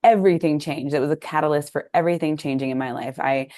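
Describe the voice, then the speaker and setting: A woman's voice: deep voice, fairly even intonation, fast, warm tone. A woman from Texas, a podcast guest and business coach, telling her life story in a chatty, reflective way. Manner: chatty, reflective, uses "like" often. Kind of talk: casual interview storytelling.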